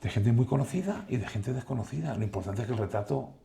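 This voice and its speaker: A man's voice: medium pitch, animated, fast talker, creaky, warm tone. An older man from Spain, a photographer guest, telling anecdotes in a casual conversation and animatedly acting out quoted dialogue.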